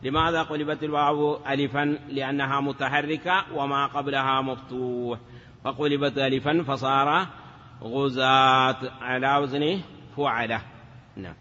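Chanting word forms and asking rhetorical questions, a man delivers a classroom lesson on Arabic morphology. He speaks at a normal speed with a medium pitch, fairly even intonation and a sharp tone, captured in dull, lo-fi sound with a long reverb.

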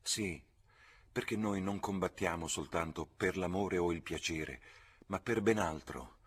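A man's voice: low voice, unhurried, husky. A man voicing a tender, earnest old man.

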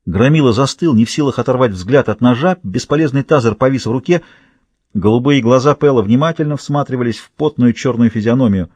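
Husky male thriller narrator. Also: medium pitch, fairly quick, darkish tone, dry recording. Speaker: audiobook narrator.

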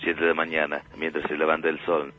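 Male interviewee, very deep voice, halting, lo-fi clip. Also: monotone, faint music behind. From England. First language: English. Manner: halting, repeats words.

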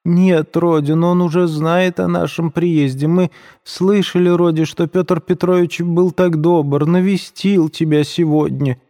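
A man reading the part of a timid, anxious older mother, raising his voice high and pleading. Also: fairly even intonation, a little slow, mellow, in a large hall. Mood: frightened pleading.

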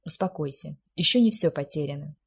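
A sharp-witted young man, teasing and easily exasperated, as a woman reads him. His lines come low and heavily breathy in a storybook reading. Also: normal speed. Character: amused, mocking young man, sharp friend.

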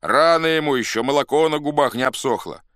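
A man voicing a rowdy, drunken crowd of male Cossacks, shouting loudly and dragging out the words. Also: on the high side, clear, resonant tone, no room sound, clean studio sound, voice pushed up, natural voice. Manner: loud, drawn-out shouting.

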